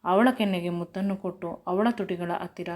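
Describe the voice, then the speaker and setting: A woman reading a serialized romance story aloud in a steady, unhurried way. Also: on the low side.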